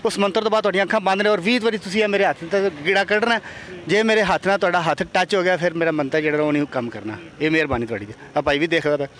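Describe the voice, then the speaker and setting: Brief: male street host, bright high voice, pushy and teasing with strangers. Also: rapid-fire. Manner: pushy, playful, coaxing passers-by. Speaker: comic street interviewer and prankster. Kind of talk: comedic street interview. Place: outdoors on a busy street.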